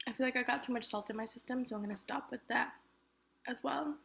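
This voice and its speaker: Young woman eating on camera and chatting, a bit high voice, mouth full sometimes, noisy background. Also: steady tone, fast talker, gravelly, a bit bright. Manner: chatty, self-encouraging, talks with mouth full. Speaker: mukbang vlogger. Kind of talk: casual chat to camera while eating. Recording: noticeable background noise.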